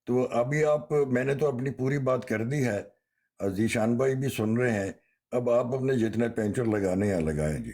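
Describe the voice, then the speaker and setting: A man in a religious debate who speaks in a measured, hesitant way and reads verses slowly. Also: mid-range voice, mellow. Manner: measured, hesitant, with pauses and fillers.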